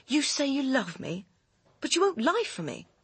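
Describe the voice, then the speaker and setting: In a radio crime drama, a British actress plays a bitter, persuasive young personal assistant with secrets, scornful and accusing, her speech pressing, cutting and articulate. Her high voice swings widely in pitch at a normal pace, recorded dry.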